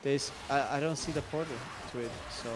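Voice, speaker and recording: Chill guy streaming a game, mid voice, bit of game noise behind, laughs a lot. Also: medium pitch. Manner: relaxed, rambling, quick to laugh. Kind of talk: casual gaming chat.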